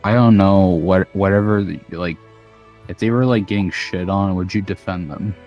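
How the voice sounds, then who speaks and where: A man's voice: low-pitched, steady tone, normal speed, highs cut off, soft background music. A young man hosting a podcast in casual chat, talking crudely and rambling with lots of fillers. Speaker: podcast host.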